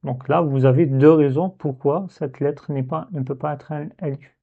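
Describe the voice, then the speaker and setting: A man's voice: fairly high pitch, fairly even intonation, normal speed, creaky, husky. A man teaching Arabic letter reading in a step-by-step lesson, patiently repeating syllables to demonstrate. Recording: tinny phone-like sound.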